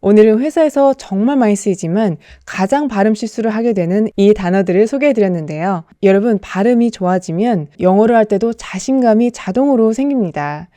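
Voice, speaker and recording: A woman's voice: mid-range voice, brisk, hardly any pauses, mellow, no room sound. A young adult woman giving a scripted pronunciation lesson, carefully repeating model words and explaining between them. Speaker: English pronunciation teacher.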